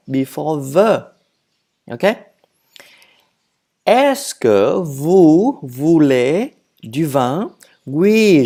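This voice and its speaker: A French teacher giving a slow grammar lesson, switching between French and English, repeating phrases and correcting herself or himself. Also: mid-range voice, darkish tone. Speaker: language teacher.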